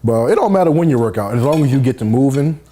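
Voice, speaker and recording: A man's voice: mid-range voice, lively intonation, fast, warm tone. A man, a fitness coach, explaining things step by step in casual chat.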